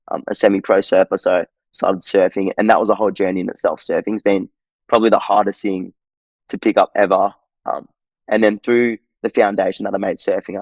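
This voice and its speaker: A young man with an Australian accent talks easily as a podcast guest, his voice sitting low. He rambles in a laid-back way, dotting his talk with fillers. The sound is close and dry. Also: darkish tone, no echo, low-quality recording. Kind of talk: casual interview chat.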